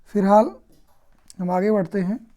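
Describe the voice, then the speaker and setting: A woman teaching a grammar lesson who asks her own questions and then answers them, patient and unhurried. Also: medium pitch, dark tone.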